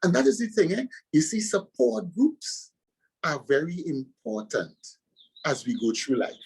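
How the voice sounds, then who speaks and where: A man's voice: a little high, very animated, measured pace, gravelly, a little mellow, breathy edge, poor audio. A man from Trinidad and Tobago with a Trinidadian accent, a pastor and author answering interview questions with earnest, preacherly emphasis.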